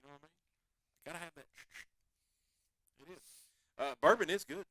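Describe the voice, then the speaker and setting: A man's voice: a little high, moderate pace, fairly bright tone. A man from the hosting a casual chat show, joking around and repeating phrases. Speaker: podcast host.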